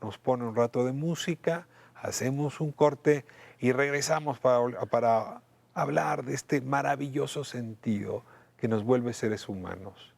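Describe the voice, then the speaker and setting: A man hosting a TV interview, attentive and quick to finish his guest's sentences. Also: mid-range voice, vocal fry, darkish tone, no echo. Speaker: TV host.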